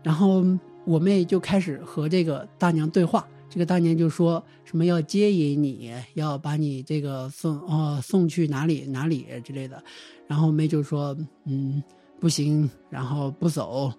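Mellow-voiced man retelling a story. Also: fairly high pitch, steady tone, faint music behind. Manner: loose, halting retelling with frequent restarts. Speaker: guest storyteller. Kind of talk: casual spoken storytelling of a real ghost experience.

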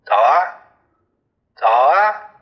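A man voicing a gruff, bossy army company commander who barks orders and curses. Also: medium pitch, animated, normal speed, dull audio, natural voice. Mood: barking. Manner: barking orders, cursing.

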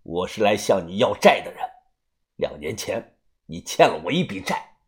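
Man playing a cold young avenger, low, quiet, measured, menacing. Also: big pitch swings. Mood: cold menace. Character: vengeful young man back from death, cold.

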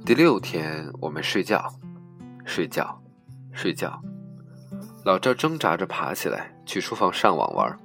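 A man reading a humorous personal story aloud with a dry, deadpan comic delivery. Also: deep voice, unhurried, creaky, long pauses, soft background music.

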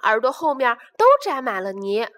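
A woman's voice: on the high side, expressive, normal speed, fairly bright tone. A woman voicing a fussing, chiding mother bear in a storybook reading.

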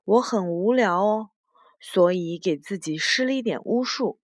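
Woman playing a vain quarrelsome witch, wailing and shrill, quick outbursts, dry close voice, storybook. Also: animated, no room sound. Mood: petulant. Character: vain, quarrelsome female witch who wails.

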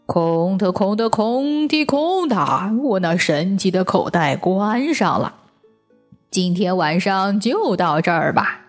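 A woman voicing a gentle, weary old grandfather storyteller with a slow, sighing delivery. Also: medium pitch, lively intonation, faint music behind. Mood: chanting.

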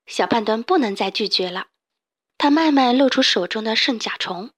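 Gentle woman telling a children's story. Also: a little high, normal speed. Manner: gentle, expressive reading.

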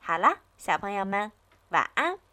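A woman narrating a bedtime story for children in a gentle, sing-song manner, talking directly to her young listeners. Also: medium pitch, sing-song, moderate pace.

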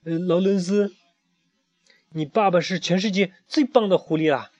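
A man doing a fussy, high-voiced duck lady. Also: moderate pace, darkish tone, no echo. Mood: admiring. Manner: high, exclaiming, easily flustered. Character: female duck, lively and fussy young wife. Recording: dull, muffled lo-fi recording.

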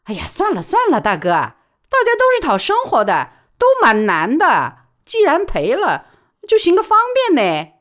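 A woman voicing a feisty, blunt working woman who speaks loudly, in an audiobook reading. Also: a little high, wildly swooping pitch, normal speed, voice pushed up. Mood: pleading. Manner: loud, feisty. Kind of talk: audiobook character voice.

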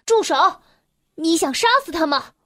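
A woman voicing a brave young boy who shouts urgent warnings. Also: a little high, normal speed, dry recording, clean studio sound, lightly acted. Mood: alarmed. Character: brave young boy, frightened but bold.

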